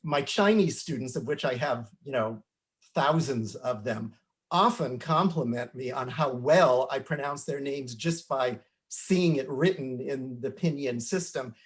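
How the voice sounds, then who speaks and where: A man's voice: mid-range voice, unhurried. An older man, a teacher of forty years, speaking earnestly and instructively in a panel discussion.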